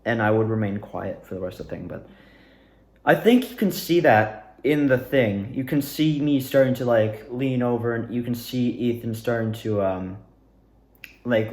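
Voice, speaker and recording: A young adult man, an amateur student actor, reviews his own performances in a casual, rambling recap styled like a self-interview, as though telling viewers about it. His mid-pitched voice is animated and informal, and the recording sounds roomy and echoey.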